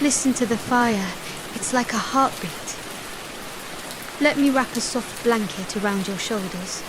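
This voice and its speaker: A woman playing a tender, doting partner in a soft ASMR role-play, speaking in a soothing, intimate, hypnotic manner. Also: fairly high pitch, background noise. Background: rain.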